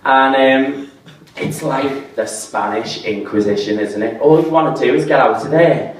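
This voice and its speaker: Bloke doing stand-up, deadpan then ranting, big echo, a bit far from the mic. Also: male voice, medium pitch, a little slow. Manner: deadpan, rising into exasperated rants. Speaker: stand-up comedian. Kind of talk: stand-up comedy set. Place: comedy pub venue with audience. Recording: echoey room, voice from far off.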